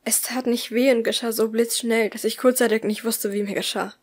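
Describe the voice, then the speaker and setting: Soft-spoken woman reading an audiobook. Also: fairly high pitch, fairly even intonation, brisk. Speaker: audiobook reader. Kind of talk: first-person audiobook narration.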